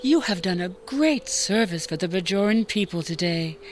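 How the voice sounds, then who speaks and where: A woman voicing a calm, gracious female cleric in a video game, with formal, solemn and even speech. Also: lowish voice, normal speed, soft background music, lightly acted. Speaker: game character.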